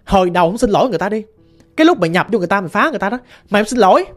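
A woman voicing a stern older male folk exorcist who scolds quickly in a Southern Vietnamese accent. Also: medium pitch, expressive, faint music behind, close to an everyday voice. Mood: scolding.

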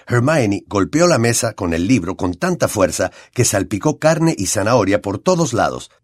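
A man with a Latin American Spanish accent narrating an audiobook in an expressive storytelling way. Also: fairly low pitch, moderate pace, dry recording, studio quality.

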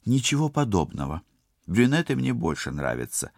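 A young woman on a spaceship crew, skeptical and quick to take offense, voiced by a man reading an audiobook. Her lines sit up high and come out emphatic. A faint gravel runs under the tone, and the recording is close and dry. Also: sing-song, a little mellow, no echo, exaggerated voice. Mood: indignant. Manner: indignant, emphatic.

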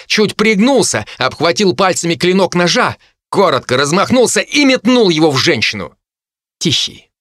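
A man narrating a fantasy audiobook in an expressive, dramatic reading. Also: a little high, no echo, studio quality. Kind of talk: scripted narration.

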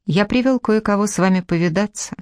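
A woman's voice: mid-range voice, a little fast, darkish tone, clean tone, no room sound, studio quality, voice pushed up, lightly acted. A woman voicing a charming, teasing young prince in an audiobook, drawling and playfully ironic. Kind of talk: audiobook character reading.

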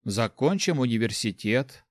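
A man doing a calm, thoughtful young man. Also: mid-range voice, no room sound, clean studio sound, lightly acted. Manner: thoughtful, measured.

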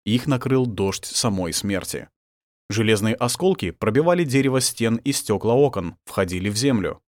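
A man reads an audiobook with dramatic expression and a lively, varied pitch. The sound is dry and close, with no room around it. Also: no room sound. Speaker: audiobook narrator. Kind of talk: scripted narration.

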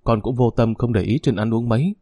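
A man's voice: medium pitch, fairly quick, dark tone, no echo, studio quality, close to an everyday voice. A man voicing a middle-aged father who pleads and apologizes. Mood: pleading.

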